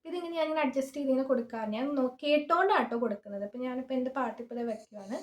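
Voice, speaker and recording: Speaking very fast in a high, animated voice, a woman singer walks through an app in an informal screen-recorded tutorial. She keeps saying "see" as she shows each thing. The roomy sound reflects the small closed room she's in.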